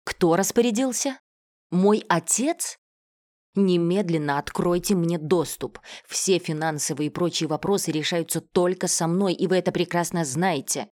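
A woman reading the part of a hot-tempered, domineering wealthy man who shouts and mocks. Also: lowish voice, moderate pace, dry recording, clean studio sound, close to an everyday voice. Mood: furious. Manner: harsh, shouting, mocking.

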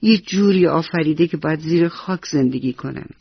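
A woman's voice: low-pitched, gravelly, husky, no room sound, muffled recording, exaggerated voice. A woman voicing an anxious, kind-hearted little girl who talks in an earnest, worried way.

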